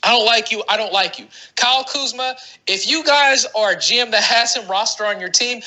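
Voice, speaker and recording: A man co-hosts a fantasy basketball podcast, bantering casually in a rambling, emphatic way and often repeating himself for effect. His voice sits high and moves fairly quickly with a sharp tone, and the audio quality is poor.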